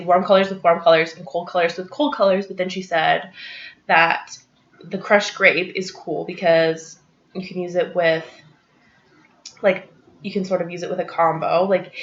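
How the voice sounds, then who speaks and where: A woman's voice: lowish voice, little pitch movement, normal speed, lo-fi sound. A young woman chatting casually over her scrapbooking, rambling with lots of ums and likes. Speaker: crafting vlogger.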